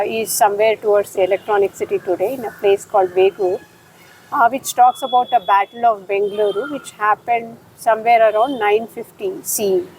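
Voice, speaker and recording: Middle-aged Indian woman, unhurried talk. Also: mid-range voice, a little mellow, slight background noise, low-quality recording. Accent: Indian English. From Bangalore, India. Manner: thoughtful, many fillers and pauses. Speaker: guest historian. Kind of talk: conversational interview.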